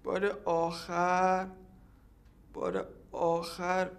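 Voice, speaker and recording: A man's voice: sits high, flat delivery. An actor playing an evasive man being questioned, who answers hesitantly and backtracks.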